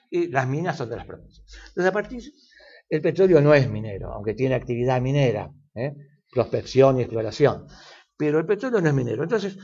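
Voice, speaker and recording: In dull-sounding audio, an older Argentine-accented man lectures at length as an interview's expert guest, often restarting and filling pauses. His voice is a little high with a darkish tone.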